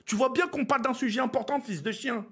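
A man's voice: very high voice, quick pace, fairly bright tone, a little hiss or hum. A man from France streaming a game, ranting at his viewers with exasperation, swearing and stumbling over his words. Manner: exasperated, swearing, stammering restarts.

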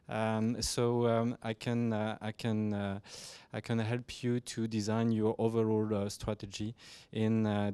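Halting man. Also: fairly low pitch, a little mellow, clean tone, no room sound. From France. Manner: halting, repeats words. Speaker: professor. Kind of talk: self-introduction at book launch. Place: seminar room. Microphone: handheld mic.

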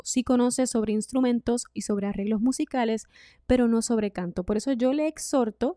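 A woman vocal coach, giving a singing lesson in a clear, instructive way. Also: a little high, dry recording, studio quality. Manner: clear instructive delivery, demonstrates loud and whispered speech.

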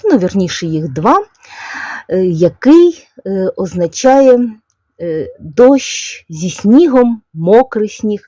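A woman with a Ukrainian accent talks in a relaxed, chatty way, her pitch rising and falling freely. Her voice is mellow and warm, and the recording is close and dry. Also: dry recording. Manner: chatty and unhurried, with soft diminutives. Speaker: knitting vlogger. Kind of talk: casual chat, explaining calligraphy.

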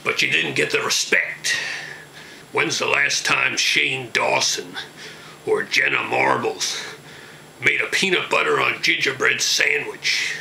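Blustering eccentric comic caller, played by a man, very creaky, sharp, some noise behind. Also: mid-range voice, takes it slowly, pitched above the performer's own voice, full character voice, poor audio. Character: gruff ranting eccentric man phoning from a motel. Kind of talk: comic character monologue.

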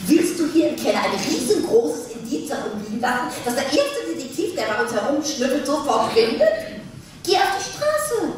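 Field: a woman playing a sharp-tongued, mocking wife on a stage. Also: high voice, sing-song, moderate pace, background noise. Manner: dry, mocking, bossy, breaks into laughter. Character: sharp-tongued unflappable middle-aged wife. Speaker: actress in a staged reading. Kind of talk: live comic sketch reading. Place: theater stage before an audience. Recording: echoey live theater recording from a distance.

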